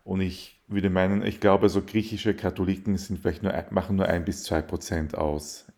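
A young Austrian man answers questions in a casual interview, sounding thoughtful and hesitant, with fillers and restarts. His voice is low and a little mellow, with vocal fry, a level tone, and a normal speed.

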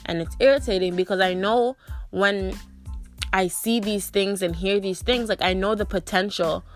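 A woman's voice: mid-range voice, steady tone, moderate pace, soft background music. A young woman hosting a podcast, ranting bluntly with lots of profanity and frequent "like". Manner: blunt, profane, repeats "like" often. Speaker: podcast host. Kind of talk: ranting monologue.

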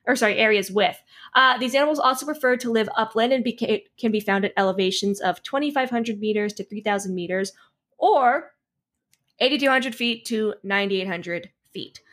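A woman hosts a casual podcast, reading animal facts in a brisk, informative way and teasing her co-hosts. Her voice sits somewhat high for a woman. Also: fairly bright tone. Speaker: podcast host.

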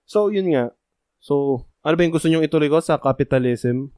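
Playful young podcast host. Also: male voice, fairly high pitch, moderate pace, darkish tone, clean tone, dry recording, studio quality. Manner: joking and playful, addresses listeners directly. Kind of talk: casual chat mixing Tagalog and English.

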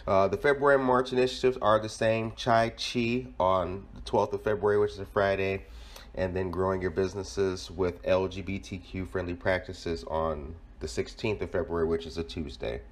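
Male host, slightly low voice, casual upbeat delivery. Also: steady tone, normal speed. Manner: upbeat, casual shout-outs. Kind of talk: local community news and interview.

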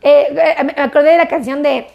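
A woman with a high voice hosts a live stream and reads out her viewers' comments. She greets each of them effusively and affectionately, like a doctor chatting with her followers. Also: steady tone, fairly quick, creaky, highs cut off.

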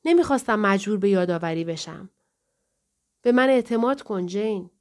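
Audiobook: a woman reads an earnest, pleading husband, mid pitch. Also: animated, lightly acted. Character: distressed man pleading with his wife. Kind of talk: audiobook dialogue reading.

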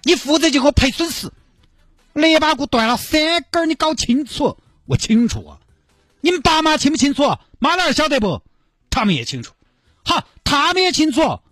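A man voicing a whiny, demanding young girlfriend in a shrill falsetto with a Sichuanese accent. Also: very animated, moderate pace, a bit bright, no echo, clean studio sound, soft background music, full character voice. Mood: indignant. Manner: shrill falsetto, nagging and sulky.

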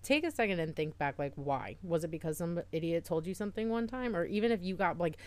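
A woman's voice: on the low side, animated, fast talker, a little mellow. A woman co-hosting a podcast in casual chat, talking earnestly with lots of "like" fillers. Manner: chatty, heavy use of "like", earnest and reassuring. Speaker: podcast co-host.

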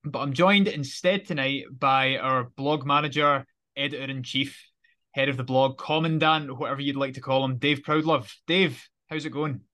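A man's voice: medium pitch, fairly even intonation, normal speed, sharp tone. A British man hosting a casual football podcast, chatty and rambling, correcting himself as he goes. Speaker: podcast host.

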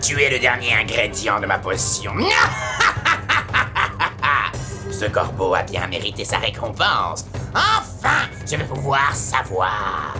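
A man voicing a mad old bearded vagabond, a villain who cackles and shouts. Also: lowish voice, very animated, measured pace, hardly any pauses, music in the background, voice pushed up. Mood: gloating. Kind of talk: audio drama acting.

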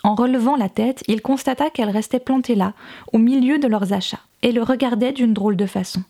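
A woman narrates a novel aloud, her voice sitting a little high yet soft and mellow in tone. She gives each character's dialogue a light, gentle shift of voice while keeping a steady storytelling read. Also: fairly quick. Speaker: audiobook reader.

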